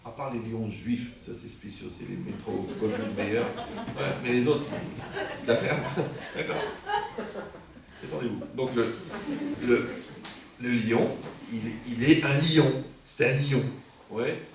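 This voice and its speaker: A man's voice: medium pitch, slow, vocal fry, pauses often, recorded from a distance, a crowd in the background. A male rabbi giving a humorous sermon to a congregation, joking and firing rhetorical questions at his listeners. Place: community center hall. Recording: echoey hall recorded from afar, faint noise.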